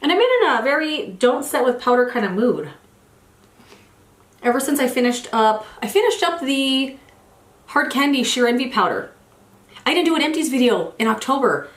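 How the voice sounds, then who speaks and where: An American beauty vlogger in her forties chats casually while doing her makeup for a get-ready-with-me video, sounding a little congested after a cold. Her high-pitched voice has lively intonation and a moderate pace, with long pauses as she rambles and restarts sentences. The room sounds echoey.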